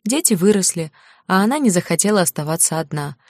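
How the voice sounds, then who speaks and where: A woman with a fairly low voice reads a fantasy novel aloud, giving the girls' lines a light touch. The sound is close and dry, with no room around it. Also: expressive, fast, a little mellow, no room sound. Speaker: audiobook narrator. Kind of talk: scripted narration.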